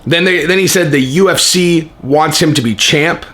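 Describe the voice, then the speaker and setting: Higher-pitched man on an incredulous rant. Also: moderate pace. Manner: animated, incredulous ranting with repeated rhetorical questions. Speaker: host of an MMA commentary channel. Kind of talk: casual, profane reaction commentary.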